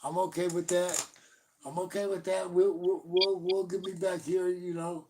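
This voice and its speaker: An easygoing man hosting a casual live-stream chat over his phone, his volume dropping low and surging back as the connection cuts in and out. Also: little pitch movement, normal speed, noisy background. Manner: easygoing, repeats short phrases. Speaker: host. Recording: distant phone-call audio cutting in and out.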